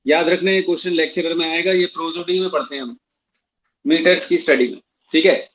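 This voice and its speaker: The audio is dull as a man with a fairly high, fairly bright voice teaches English literature, talking a little fast with fairly even intonation. In a classroom also streamed online, he tackles exam questions in Hindi and English, spelling out words and repeating the main points.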